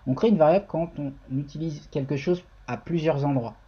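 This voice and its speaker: A man's voice: a little high, a little fast, mellow, husky. Chatty man live-coding, lo-fi stream audio. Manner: thinks aloud, chatty, talks to chat viewers. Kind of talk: casual live-coding tutorial.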